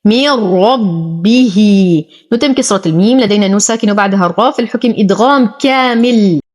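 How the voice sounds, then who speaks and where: A woman teaching Quran recitation, chanting words slowly and drawn out, then explaining the pronunciation rules briskly. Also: a little high. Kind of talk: tajweed lesson, recitation with rule explanations.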